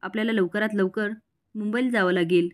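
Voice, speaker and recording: A woman voicing a scheming, smooth-talking woman, reading her lines out plainly within a recap. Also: medium pitch, fairly even intonation, a little fast, lightly acted.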